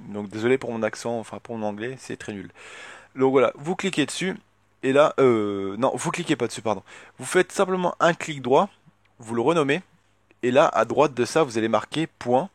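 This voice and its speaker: A man of middle pitch guides viewers through a computer tutorial in a loose, halting way, often pausing on filler words. His voice sits close and dry on a desktop microphone with no room sound. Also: dry recording. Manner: hesitant, many filler words, thinks aloud. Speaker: tutorial youtuber. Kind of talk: casual screen-recorded software tutorial.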